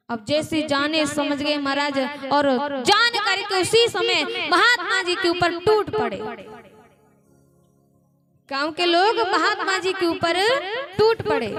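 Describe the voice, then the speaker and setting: Young woman preacher, very high voice, slow sing-song storytelling over sitar music. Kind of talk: devotional storytelling sermon. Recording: sitar music playing behind.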